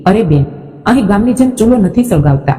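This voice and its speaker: A woman's voice: medium pitch, animated, fairly quick, warm tone, big-room sound, close to an everyday voice. A woman reading a mocking sister-in-law. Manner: mocking, sneering.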